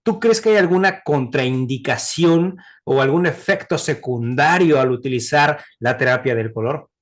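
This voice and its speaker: A man's voice: medium pitch, normal speed. A man hosting a podcast, asking long, framed questions and politely thanking his guest. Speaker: podcast host.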